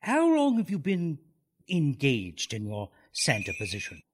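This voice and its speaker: A self-important male clinic doctor in a comic radio drama. His delivery is very animated and smoothly evasive, with hesitant, clinical phrasing. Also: medium pitch, unhurried, a little hiss or hum. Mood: patronizing, analytical.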